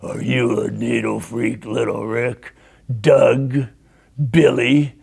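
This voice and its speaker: A man voicing a menacing biker thug with a deep, growling voice. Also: fairly even intonation, vocal fry, a little mellow, slightly rough, exaggerated voice. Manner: threatening, slow.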